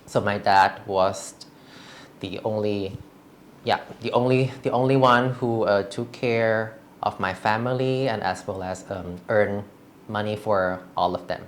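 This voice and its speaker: Slow, halting woman from Thailand. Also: very deep voice, steady tone, a little hiss or hum. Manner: hesitant, halting, frequent restarts. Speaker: interview guest. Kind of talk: candid personal interview.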